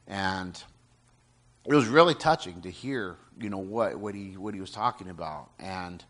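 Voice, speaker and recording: Earnest man retelling a story, lowish voice. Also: a bit bright. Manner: earnest, halting, many restarts and "you know". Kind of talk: casual spoken retelling.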